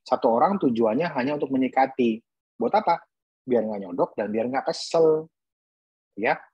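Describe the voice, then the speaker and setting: A man's voice: mid-range voice, animated, moderate pace, breathy edge, dry recording, dull audio. A man who is a pediatric dentist, giving an earnest webinar talk to parents and posing emphatic rhetorical questions.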